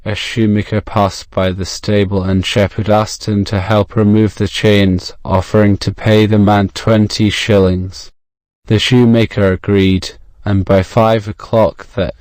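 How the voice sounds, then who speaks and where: A man with a modern British accent and a fairly low, crisp voice narrates a story in a measured, fairly even way, like an audiobook for learners. It's recorded close and dry, with no echo.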